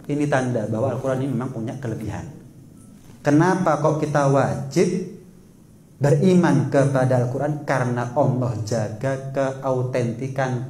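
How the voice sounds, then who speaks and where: A man giving a sermon, lively and teasing, often asking the audience questions. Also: mid-range voice, echoey room, slight background noise. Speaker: preacher.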